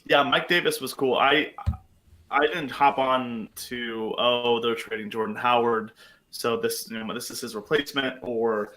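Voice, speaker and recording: A man co-hosting a sports podcast, talking in a chatty, excitable way with many fillers. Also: mid-range voice, measured pace, poor audio. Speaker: podcast co-host. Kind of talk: casual sports chat.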